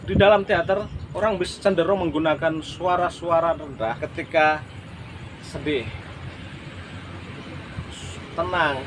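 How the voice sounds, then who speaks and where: A man lecturing on drama and voice for an online university class, slow and deliberate, with examples that he demonstrates himself. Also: a little high, noisy background.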